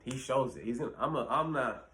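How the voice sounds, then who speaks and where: A man's voice: medium pitch, fairly quick, sharp tone. A man hosting his own channel, giving blunt, profane fight predictions in a rambling casual talk full of fillers. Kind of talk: casual solo commentary.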